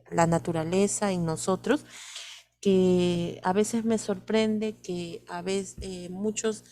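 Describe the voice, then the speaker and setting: A woman's voice: mid-range voice, warm tone. A woman teacher with a Peruvian Spanish accent, lecturing students and asking many rhetorical questions.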